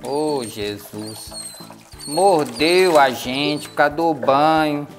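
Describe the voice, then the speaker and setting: A Brazilian woman who vlogs about her pet soothes and coaxes her nervous dog through a bath, chatting casually with sighs and exclamations. Her voice is low and her words drawn out. Faint music plays behind her.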